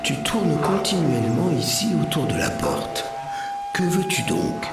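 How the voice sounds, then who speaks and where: A man's voice: a little high, big pitch swings, measured pace, pitched above the performer's own voice. A man reading the part of an insistent man questioning an old acquaintance, in a probing voice over music. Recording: roomy distant voice with music.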